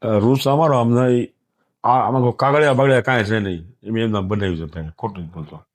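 An older man, talking in an emotional interview, soft and halting, often trailing off quietly. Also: fairly low pitch. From Gujarat, India. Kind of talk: emotional interview, plain talk.

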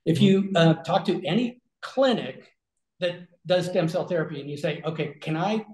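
A man's voice: on the high side, normal speed, a little mellow. A man in his forties on a video call from a small room, explaining things in a conversational way with many fillers and restarts. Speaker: regenerative health concierge. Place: small room with shelves, indoors. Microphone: video call webcam. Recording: echoey room.

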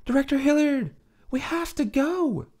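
Casting: man doing a determined young woman in an audiobook, high and pleading. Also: expressive, unhurried, a little mellow, heavily acted. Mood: insistent. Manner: pleading, insistent.

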